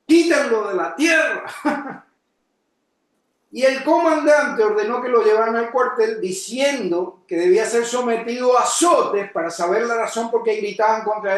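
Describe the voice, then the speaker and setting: A man preaching a sermon as pastor, asking his congregation questions and breaking into sudden shouted emphasis. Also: very high voice. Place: church. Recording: echoey church hall.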